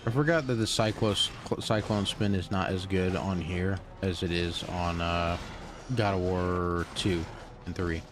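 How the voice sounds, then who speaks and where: A man's voice: sits low, fairly even intonation, unhurried, background noise. A tired young man casually commenting while streaming a video game, rambling with lots of fillers and restarts. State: tired, yawning.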